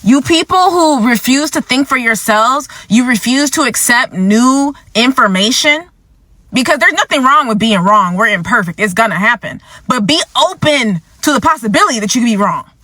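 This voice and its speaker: A woman's voice: a little high, lively intonation, normal speed, bright, forceful tone, no echo. A woman hosting a vlog, delivering impassioned commentary in a blunt, angry, profane way, repeating points for emphasis and fighting back tears. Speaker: vlog host.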